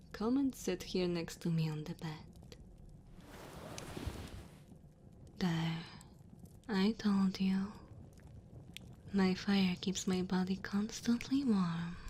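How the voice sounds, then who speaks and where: In an intimate, tender ASMR roleplay, a woman with a lowish voice plays a lonely female dragon who is dominant yet caring. She murmurs slowly, tenderly and breathily. A steady ambience of crackling fire and cave noise fills the recording.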